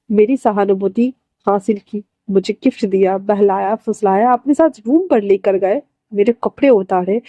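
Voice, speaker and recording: A woman voicing a bitter, furious young man who was wronged, shouting accusations in a storybook reading. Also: mid-range voice, dry recording, muffled recording, natural voice. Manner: shouting accusations, stammering in shock.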